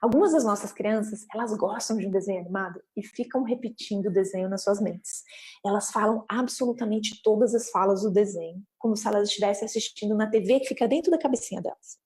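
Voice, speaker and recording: A woman giving parents guidance in an animated explainer talk, acting out little scenes. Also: fast talker. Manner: animated, acts out parent and child lines with big pitch jumps.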